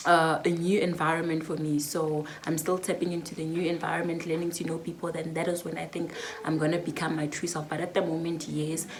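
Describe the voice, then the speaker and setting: This YouTuber is a nineteen-year-old woman with a South African accent who muses her way through a relaxed Q&A vlog full of filler words. She speaks a little fast in a deep, flat voice, with slight hiss or hum on the audio.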